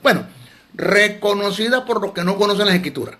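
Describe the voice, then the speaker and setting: A man's voice: high-pitched, lively intonation, brisk, pushed and bright. A man teaching theology in a sermon, emphatic and scolding, often repeating words.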